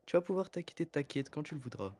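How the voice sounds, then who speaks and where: A man's voice: on the high side, big pitch swings, racing, darkish tone, a little hiss or hum. A man voicing an anime dub of a composed, menacing villain, speaking formally and theatrically. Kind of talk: French anime dub parody, scripted villain monologue.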